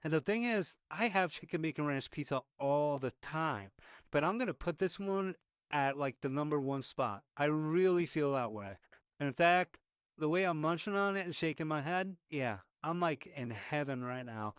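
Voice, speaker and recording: This food reviewer's voice is a little high, with lively intonation, delivered at normal speed in a clean tone. He chats casually about how a meal went in a conversational voice-over, full of fillers. The recording is dry and studio quality.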